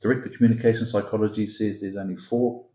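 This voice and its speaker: Podcast guest, male, from Singapore: warm low voice, insistent repetitive delivery, roomy sound. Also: steady tone, fast. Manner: emphatic, repetitive, builds points through extended metaphor. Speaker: founder of an education academy, podcast guest. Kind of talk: conversational podcast interview.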